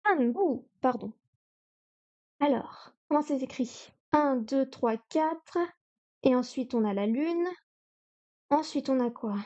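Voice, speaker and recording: A woman's voice: sits high, takes it slowly, pauses often, darkish tone, muffled recording. A woman on a live stream studying Chinese vocabulary, repeating words, counting strokes aloud and chatting to herself as she goes.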